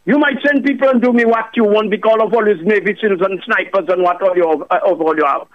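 A man's voice: high voice, fast talker. A man calling in to a radio show, preaching and firing off rhetorical questions. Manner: preachy, repeats the host's name, rhetorical questions. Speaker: caller. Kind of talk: impassioned call-in rant. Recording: muffled phone line.

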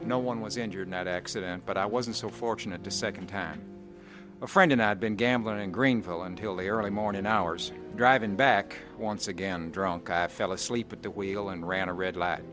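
A man's voice: on the low side, brisk, music in the background, close to an everyday voice. An actor playing a grown man soberly narrating his wayward youth in a radio drama testimony. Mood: reflective.

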